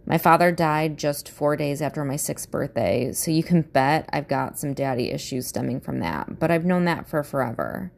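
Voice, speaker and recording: A woman of thirty with a low voice and plenty of vocal fry. She has a Midwestern American accent and talks like a valley girl. She hosts a casual solo podcast, speaking naturally into a phone. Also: a little mellow. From Midwestern US, suburbs of Chicago. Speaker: podcast host.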